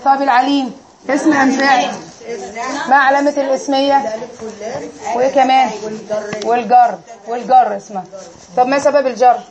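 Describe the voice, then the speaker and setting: A woman's voice: high voice, steady tone, brisk, long pauses, lo-fi sound, crowd noise. A woman with an Egyptian accent teaching an Arabic grammar lesson in a classroom, quizzing her students and drilling them on each answer.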